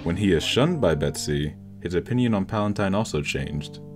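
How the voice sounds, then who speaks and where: Over plucked-guitar instrumental music, a low-voiced man delivers a video essay voice-over analyzing a film from a script. He speaks at a normal pace and sounds animated.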